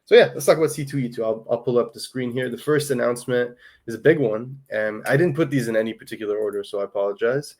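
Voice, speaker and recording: A man hosting a podcast in an easygoing, chatty way, with a voice of ordinary middle pitch. He talks loosely and laughs easily as he goes. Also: fast, darkish tone. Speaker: podcast host. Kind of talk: casual chat.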